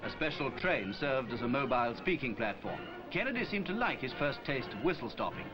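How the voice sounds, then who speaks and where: Old newsreel narrator, lively man. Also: mid-range voice, a little fast. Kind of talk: scripted narration. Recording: old newsreel with music bed.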